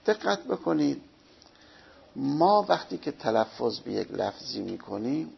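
A man's voice: mid-range voice, gravelly, breathy edge. A man teaching a seminary lecture, explaining step by step and posing questions he answers himself. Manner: explains slowly, asks and answers his own questions. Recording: dull lo-fi recording.

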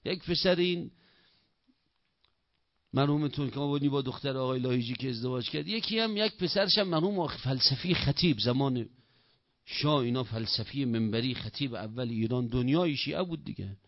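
A man preaching a sermon who tells a story in an animated way and acts out its dialogue. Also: mid-range voice, no room sound. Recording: dull, lo-fi, dry recording.

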